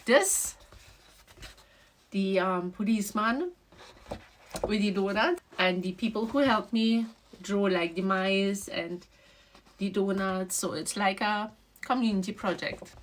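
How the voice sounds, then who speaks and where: A woman from Trinidad and Tobago, a children's book author and illustrator talking in a casual vlog. She talks haltingly, often repeats and restarts phrases, and her voice drops soft and low. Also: a little hiss or hum. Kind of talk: casual emotional vlog talk.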